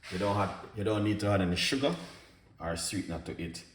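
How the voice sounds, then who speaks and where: A man's voice: on the low side, fast talker. A man hosting a casual cooking live stream, upbeat and chatty as he talks to his viewers. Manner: upbeat, chatty, greets viewers by name and place. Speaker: cooking show host. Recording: echoey room, mic at a distance, background noise.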